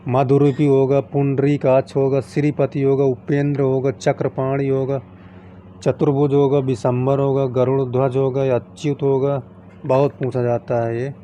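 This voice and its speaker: A man with a very dark, heavy tone teaches an online exam-prep class. He runs through long chains of synonyms in the same repeated phrasing, with little rise and fall in his pitch. Now and then he stops to remind students which words to learn by heart. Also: flat delivery, normal speed, a little hiss or hum. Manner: keeps reminding students what to memorise.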